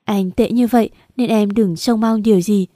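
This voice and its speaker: A tearful young husband, as a woman narrator reads him, pleading softly at his wife's hospital bed. The voice is mellow and dark, close and dry with no room sound. It is a storybook reading of a desperate, loving man. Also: mid-range voice, steady tone, moderate pace, dry recording, close to an everyday voice.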